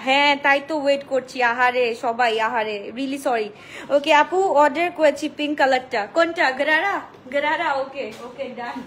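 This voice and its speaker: A woman from Bangladesh hosting a live dress sale from home, talking loudly and chattily, mixing English phrases into her talk and reading out viewer comments. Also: high voice, reverberant, a little hiss or hum, poor audio. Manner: chatty, mixes English into Bengali, addresses viewers as apu; talks loudly on purpose. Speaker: online dress seller. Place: indoors, home.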